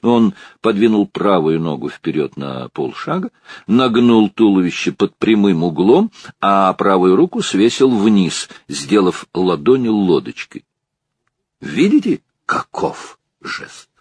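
A man narrating an audiobook with expressive storytelling. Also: sits low, unhurried, breathy edge, dry recording.

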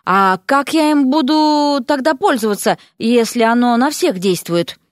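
A woman's voice: high-pitched, animated, a little slow, dry recording, clean studio sound, voice pushed up. A woman voicing a flustered, exasperated young male magister who protests and gives in.

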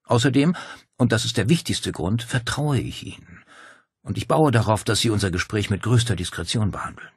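A man reads a composed female police commissioner from an audiobook. She talks in a measured, explaining way, lifted above the reader's low register, with a slightly husky, dry sound. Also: animated, no echo, full character voice. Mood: earnest. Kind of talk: audiobook character voice.

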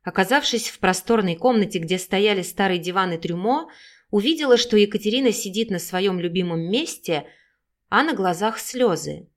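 A woman reads an audiobook in steady, measured narration. Her voice is mid-pitched and plain. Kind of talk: scripted narration.

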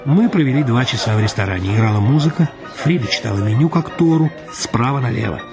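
A man's voice: mid-range voice, expressive, quick pace. A man reading a story aloud in a dry, ironic storyteller's manner. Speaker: narrator. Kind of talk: audiobook reading. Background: music.

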